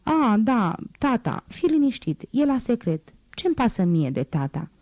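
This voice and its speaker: A woman's voice: on the high side, sing-song, darkish tone, no echo, voice pushed up. Woman reading as a teasing young street girl. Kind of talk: audiobook reading.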